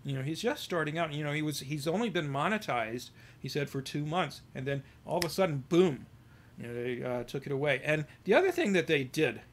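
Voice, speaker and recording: A male podcast host giving casual commentary on news stories, reading out quotes and talking haltingly with many fillers, his volume rising and falling. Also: a little high, big pitch swings, a little hiss or hum.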